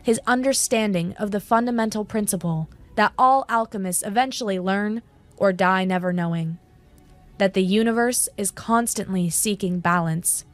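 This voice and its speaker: A woman narrating a fantasy story in a steady, measured, scripted style. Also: medium pitch.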